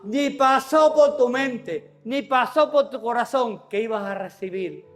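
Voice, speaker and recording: High-pitched pastor guy, impassioned sermon, shouts at times, soft music behind. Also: unhurried. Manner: impassioned preaching with shouted peaks. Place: church.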